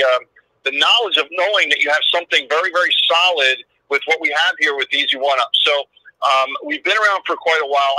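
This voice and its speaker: A man's voice: on the high side, bright, forceful tone, dry recording. A middle-aged man, a business owner, talking in an upbeat, loose way with many fillers and restarts, his voice coming from a phone held up to a microphone. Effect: voice from a phone held up to the mic. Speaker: business owner guest on a webinar. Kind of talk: casual pitch-style webinar talk. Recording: tinny phone speaker re-recorded, distant.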